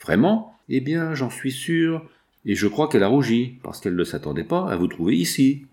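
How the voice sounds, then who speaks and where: A man's voice: medium pitch, sing-song, normal speed, a little mellow. A man reading the part of a jealous, suspicious young woman in an audiobook, asking pointed questions.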